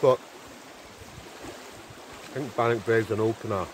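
A man's voice: on the low side, a little slow. A Scottish man in his forties, chatting to camera and thinking aloud as he cooks at a riverside camp. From Scotland. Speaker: outdoor vlogger. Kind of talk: casual chat to camera. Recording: outdoor recording with river noise. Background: flowing river.

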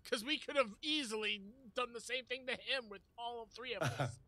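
A woman streaming a video game with friends, excitable, laughing often and swearing casually. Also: a little high, normal speed, no room sound. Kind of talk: casual gameplay commentary.

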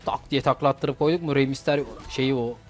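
A young man, a gaming YouTuber, gives casual, slangy commentary on his gameplay and swears at his opponents, with game music in the background. His voice is medium-pitched and brisk, with fairly even intonation.

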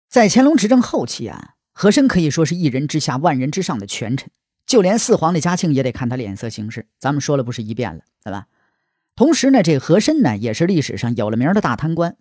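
A man's voice: a little high, darkish tone, no room sound, studio quality. A man telling history stories in a chatty, colloquial way, with asides to the listener. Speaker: history storyteller. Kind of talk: colloquial storytelling.

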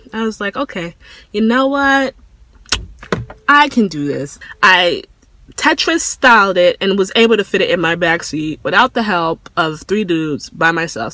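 A young woman chatting casually to her phone camera as a vlogger, telling stories with lively animation, from inside her car and while out shopping. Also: lowish voice. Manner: chatty, animated storytelling with laughs. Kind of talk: casual vlog chat. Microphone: phone camera held close. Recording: noisy phone recording.

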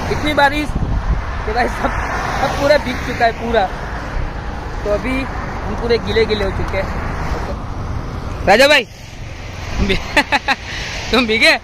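Young male moto vlogger, high-voiced and chatty, recorded on the move through heavy road noise. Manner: chatty, addresses viewers as guys. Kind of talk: casual moto vlog narration. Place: riding a motorbike outdoors on roads. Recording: loud road and traffic noise.

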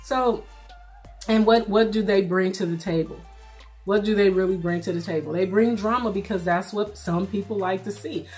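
A middle-aged woman giving casual, plainspoken vlog commentary while eating, pausing for bites and repeating phrases for emphasis. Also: mid-range voice, darkish tone, faint music behind. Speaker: vlogger. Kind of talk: casual mukbang commentary chat.

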